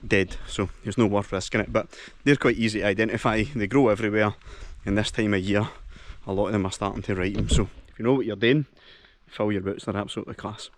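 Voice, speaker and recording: A man from Scotland with a fairly low, steady voice talks at a quick pace as he wanders a lodge and lochside for his travel vlog. Chatty and enthusiastic, he speaks with a Scottish accent and plenty of local slang.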